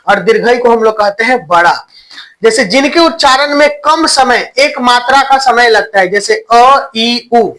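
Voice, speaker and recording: Bright-voiced Hindi grammar teacher. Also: male voice, very high-pitched, rough recording. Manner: asks questions and answers them himself, repeats key points; stretches vowels while demonstrating sounds. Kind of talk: online classroom lecture.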